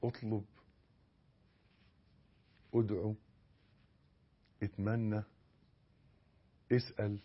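A man with an Egyptian Arabic accent teaching how to recite and pray, demonstrating verses slowly and moving from emphatic to hushed. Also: fairly low pitch, little pitch movement, breathy edge, lo-fi sound. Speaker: religious teacher. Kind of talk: sermon teaching prayer and recitation.

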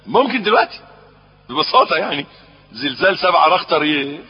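An Egyptian man preaches an Islamic sermon in Egyptian Arabic, fairly quickly and with liveliness, climbing to emphatic peaks and then dropping into low, quiet stretches while asking his listeners questions. His voice is husky, and the dull, lo-fi recording carries long hall reverb.

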